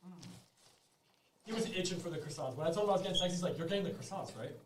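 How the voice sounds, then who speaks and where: A man's voice: fairly high pitch, expressive, racing, crowd noise. A young man in his late teens anchoring a student podcast, joking and rambling with lots of fillers. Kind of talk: casual chat.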